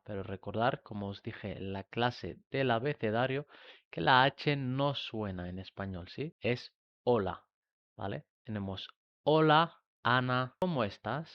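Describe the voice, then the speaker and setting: A man from teaching a beginner Spanish lesson, slowly modelling pronunciation and often checking that learners follow. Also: mid-range voice, no echo, lo-fi sound. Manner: slow, emphatic modelling of pronunciation with frequent checks.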